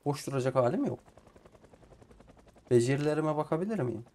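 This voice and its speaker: Frustrated by the survival game he's streaming, a man swears at it often while casually commenting in let's play fashion, talking to himself and to the characters on screen. His voice is on the high side, expressive and brisk, with a darkish tone.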